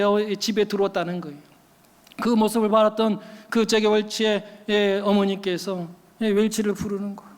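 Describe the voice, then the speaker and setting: A man preaching a sermon as a pastor, telling stories and putting rhetorical questions to his congregation. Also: sits high. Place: church sanctuary. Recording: long church hall reverb.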